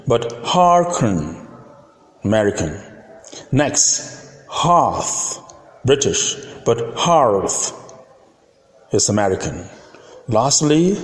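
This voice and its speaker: A man teaching pronunciation, saying each word slowly and repeating it, comparing British and American sounds. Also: medium pitch, darkish tone. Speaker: phonics teacher. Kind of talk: slow pronunciation lesson. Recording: echoey room with long reverb.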